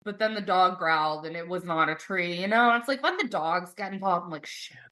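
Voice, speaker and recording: A woman's voice: lowish voice, a little fast, bright, forceful tone. Rambling young woman, swearing podcast host. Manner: rambling, lots of "like", swears freely. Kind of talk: casual chat and storytelling.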